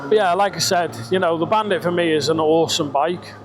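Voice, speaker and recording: This British vlogger's slightly high voice comes from a helmet mic as he rides his motorbike along country roads, talking fairly quickly. His casual ride-along chat rambles and includes swearing, with engine, wind and road noise clearly audible behind his enclosed-sounding voice.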